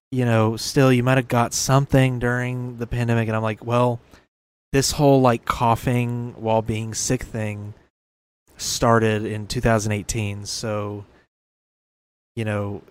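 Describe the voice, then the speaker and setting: A young man in his early twenties hosting a casual solo podcast, rambling and correcting himself, laughing at his own remarks. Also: mid-range voice. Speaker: podcast host.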